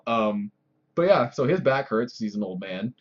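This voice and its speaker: Profane, animated man recapping anime. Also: fairly low pitch, normal speed. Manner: swears a lot, acts out characters' lines. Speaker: podcast co-host. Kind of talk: casual recap chat. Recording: dull lo-fi sound.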